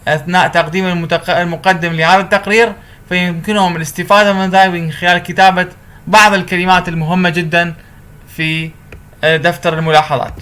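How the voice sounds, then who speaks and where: Give me a man teaching a recorded interpreting lecture, a bit high-pitched, reading slowly and explaining quickly. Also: pushed and bright. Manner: switches between slow deliberate English and quick Arabic explanation. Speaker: university translation lecturer.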